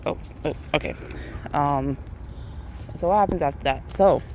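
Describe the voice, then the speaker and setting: Out on a walk, an American woman vlogger casually tells viewers a story, acting out what people said with animation. Her voice sits low and unhurried, with outdoor ambient noise around her.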